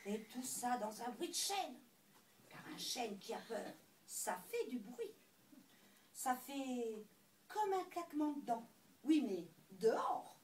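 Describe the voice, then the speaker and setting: A woman performing a comic stage monologue, telling her story with lively wordplay. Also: a little high, takes it slowly, a little hiss or hum. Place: indoor stage before an audience. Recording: distant mic in an echoey hall.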